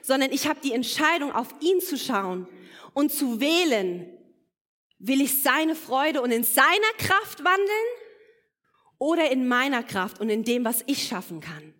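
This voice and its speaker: A woman's voice: sits high, very animated, measured pace, fairly bright tone. A woman preaching a sermon to her congregation, earnest and building to emphatic exhortation. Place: church hall. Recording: long reverb of a church hall.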